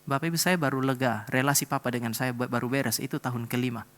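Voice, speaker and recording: A middle-aged pastor preaching a sermon in church, telling a personal story and speaking straight to the congregation. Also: male voice, mid-range voice, quick pace, fairly bright tone. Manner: storytelling, addresses congregation directly.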